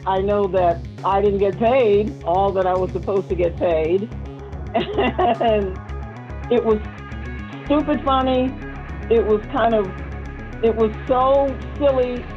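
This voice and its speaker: A former TV co-host and actor looks back on her television work in a casual interview, chuckling now and then. Her voice is medium-pitched, and the sound is lo-fi.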